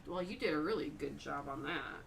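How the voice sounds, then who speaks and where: A woman's voice: low-pitched, fairly quick, creaky. A woman co-hosting a painting stream, joking and chatting casually. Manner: joking, laughs often. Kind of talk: casual chat. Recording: distant voice with faint room noise.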